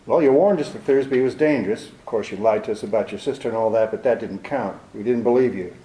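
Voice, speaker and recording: A man's voice: mid-range voice, fast, dark tone, lightly acted. A man playing a cynical, tough private detective with a wry, clipped, world-weary delivery, in 1940s radio drama style, in a roomy recording.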